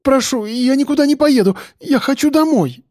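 A man's voice: very high-pitched, animated, moderate pace, a little mellow, dry recording, clean studio sound, pitched above the performer's own voice. A man voicing a frightened young woman held captive, sobbing and pleading. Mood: hysterical.

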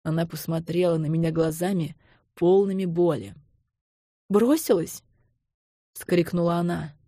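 A woman narrating an audiobook in a steady first-person storytelling voice. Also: on the low side, dry recording, clean studio sound.

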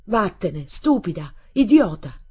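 A woman voicing a furious, jealous teenage boy who shouts bitterly in a husky voice in a storybook reading. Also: deep voice, measured pace, exaggerated voice. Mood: furious shouting.

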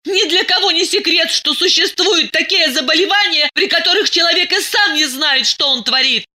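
A woman's voice: extremely high pitch, normal speed, bright, forceful tone, pitched above the performer's own voice, exaggerated voice. A woman reading an audiobook, voicing a furious, jealous woman who shrieks accusations. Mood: accusing.

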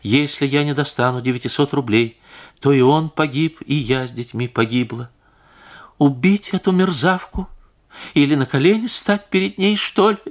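A man putting on a shrill, indignant noblewoman. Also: moderate pace, lightly acted. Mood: bitter. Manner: shrill, pleading and accusing by turns. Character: distraught, indignant noblewoman, wife pleading. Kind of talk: audiobook character reading.

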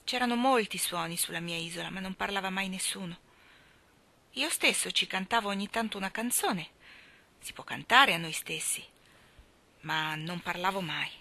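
A woman's voice: mid-range voice, normal speed, sharp tone. A woman reading a young, burly sailor. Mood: earnest. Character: young, big, strong sailor, boastful then earnest.

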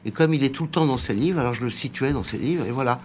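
A man's voice: medium pitch, fast talker, a little hiss or hum. A man in his sixties, a radio interview guest and former bookseller, recounting an anecdote and acting out the dialogue. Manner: lively storytelling, acting out quoted dialogue.

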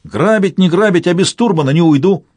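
A male reader voicing a shrill, girlish-voiced teenage boy gang leader who snarls threats and crude insults. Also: brisk, a little mellow, no echo. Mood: taunting. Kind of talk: audiobook character voice.

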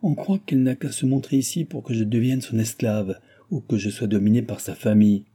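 A man's voice: medium pitch, a little fast, dark tone, breathy edge, natural voice. A man reading an audiobook, voicing an aging king who is furious and sorry for himself, grumbling and exclaiming bitterly. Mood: scheming.

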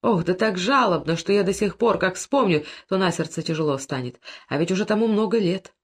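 A woman reads classic prose aloud as an expressive storyteller. Her pitch moves widely and freely through the tale. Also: brisk, breathy edge. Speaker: audiobook narrator. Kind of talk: classic prose audiobook reading.

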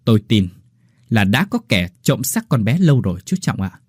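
A man's voice: on the low side, big pitch swings, moderate pace, darkish tone, slightly rough, dry recording, clean studio sound. Man doing a solemn old village ritual master. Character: elderly male village ritual master, grave and calm.

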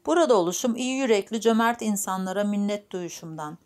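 Thoughtful ex-preacher man musing slowly, read by a woman, calm and reasoning. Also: medium pitch, lightly acted. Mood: reflective. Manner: reflective, reasoning.

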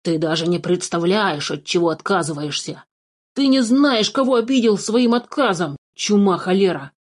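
A woman voicing a greedy, fussy old male dwarf in a storybook reading, excitable and quick to curse. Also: medium pitch, close to an everyday voice. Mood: indignant. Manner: fussy, excitable, keeps cursing.

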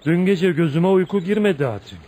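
In an intense, dramatic Turkish radio theatre performance, an actor voices a brooding, jealous man with a volatile temper. His voice sits high and is mellow, animated, and fairly quick. The mood is bitter and pleading.

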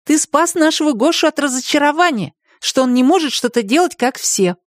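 A woman voicing a bold, perceptive young girl in an audiobook, speaking high and cheerfully. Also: animated, fairly quick, no echo, clean studio sound.

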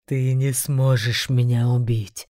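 A woman putting on a mocking ancient demon from a fantasy audiobook, his voice dropped extremely deep and dark. He growls each word out at a crawling pace, dry and close to the mic. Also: level tone, dry recording. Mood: sly. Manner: slow, drawn-out growling delivery. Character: menacing ancient male demon beast, mocking. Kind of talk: audiobook character voice.

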